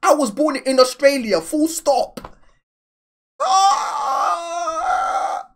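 Slangy young man in lively reaction banter. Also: very high-pitched, very slow. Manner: laughing, teasing, slangy banter. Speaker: reaction video host. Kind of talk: casual reaction commentary. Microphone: over-ear headset.

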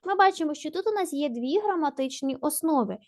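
A woman's voice: high-pitched, animated, brisk, a little mellow, no echo, studio quality. A woman teacher giving a primary school language lesson, patient and encouraging, asking questions and answering them herself. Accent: Ukrainian.

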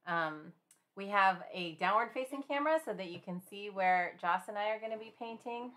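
A woman teaching a live-streamed finger painting class in a chatty, gentle way, with many fillers and small laughs. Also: medium pitch, moderate pace. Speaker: art instructor.

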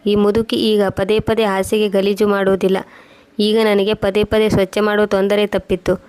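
A woman voicing a cruel, careless young sister-in-law, read in a flat, even way. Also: medium pitch, normal speed, lightly acted. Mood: dismissive.

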